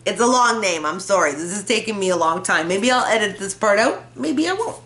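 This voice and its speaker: Brisk and a bit bright, her mid-range voice swings widely in pitch. The woman is a vlogger talking casually to her camera in a room at home, rambling along, laughing often and mocking herself. An echoey room is heard through the built-in camera mic.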